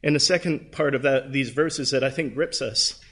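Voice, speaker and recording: A man's voice: mid-range voice, normal speed, a bit bright. A man in his thirties from Canada with a Canadian accent, giving an earnest, conversational Bible class talk with frequent ums and restarts. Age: 30s.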